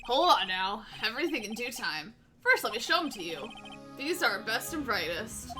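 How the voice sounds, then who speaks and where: A woman reading as a gruff buddy-buddy cop. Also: a little high, big pitch swings, normal speed, music in the background. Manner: folksy, calls everyone pal. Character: gruff, loyal adult male police detective.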